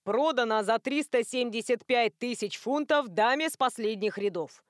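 A woman reading an audiobook, voicing a formal male auctioneer who calls out bids slowly and loudly. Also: a little high, no room sound, clean studio sound, close to an everyday voice. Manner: slow, loud, announcing calls. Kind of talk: audiobook character voice.

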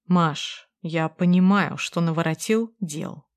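A woman reading the part of a cold, manipulative husband, speaking slowly and with measured pressure. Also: on the low side. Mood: persuasive.

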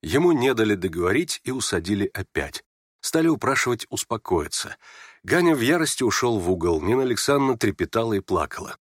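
A man narrating a classic novel in a calm, measured reading voice. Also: on the low side, no room sound, studio quality.

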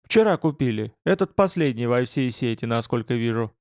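A man's voice: mid-range voice, lively intonation, normal speed, vocal fry, a little mellow, no room sound, clean studio sound. A man playing a wary young shop cashier.

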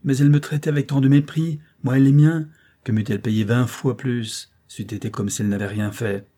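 Man voicing a bitter, gruff dying man. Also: medium pitch, level tone, a little fast, close to an everyday voice. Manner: gruff, forceful.

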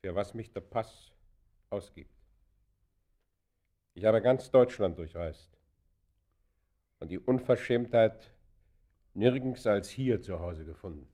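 Here the actor plays an arrested traveller in a German radio play, proud and defiant, giving clipped, haughty, guarded replies in formal language. The warm male voice sits lowish and stays animated despite a slow pace and long pauses.

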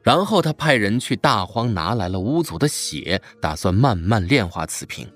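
Lively male fantasy-novel narrator. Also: lowish voice, moderate pace, faint music behind. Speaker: audiobook narrator.

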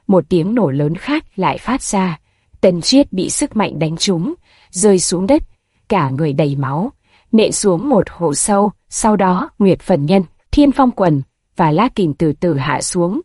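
A woman narrating a martial fantasy novel as an audiobook, at a steady, even storytelling pace. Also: on the low side, husky, dry recording, clean studio sound.

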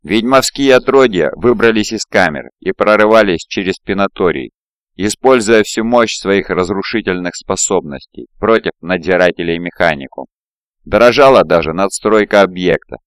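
Man reading a sci-fi audiobook, low clean voice, dry close mic. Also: lively intonation, moderate pace, smooth, no echo. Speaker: audiobook reader. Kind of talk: audiobook narration. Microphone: close home mic.

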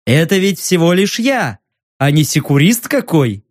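A man voicing a smug, menacing former dockworker in an audiobook, taunting slowly and slyly. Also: on the high side, big pitch swings, no room sound, studio quality. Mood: mocking. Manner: slow, taunting and sly. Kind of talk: audiobook narration.

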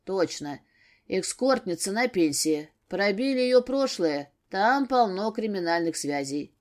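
Woman reading gruff older brother, grumbling, audiobook. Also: medium pitch, animated, a little slow, close to an everyday voice.

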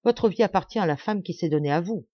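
A woman's voice: on the low side, animated, fast talker, dry recording, dull audio. A woman reading a grim, brave young peasant man. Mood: solemn. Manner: solemn, urgent pleading.

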